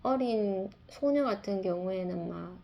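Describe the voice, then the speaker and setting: A woman's voice: medium pitch, expressive, a little slow, gravelly, lo-fi sound, a little hiss or hum. A woman, a mother, telling a reflective personal story in a confessional, rambling way, full of fillers and restarts. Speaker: mother sharing a testimony.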